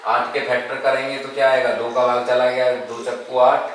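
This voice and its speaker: This math teacher speaks at a normal speed in a mid-range voice while teaching at the board, chanting multiplication tables and asking the class questions only to answer them himself. Heavy room echo, a faraway mic, and continuous background noise shape the sound.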